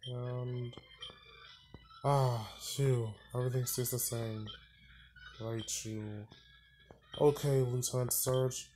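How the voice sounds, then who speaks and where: Muttering, sighing and thinking aloud, this gaming channel host talks casually through his let's-play. He has a mid-range voice with a darkish tone, and there's a little hiss or hum on the track. Game music sits faintly in the background.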